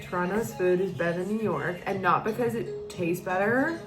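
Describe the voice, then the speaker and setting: An echoey room with music playing, and a giggly, drunk woman in her twenties talking in a mid-pitched voice. She rambles effusively in casual chat with a friend and swears freely. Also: moderate pace. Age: 20s. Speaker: vlogger doing a drinking makeup challenge.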